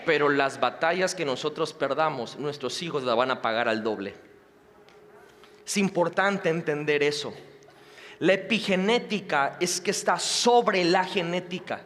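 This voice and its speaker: A male pastor giving a sermon in an animated way, swinging between loud and hushed delivery. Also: a little high. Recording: long hall reverb.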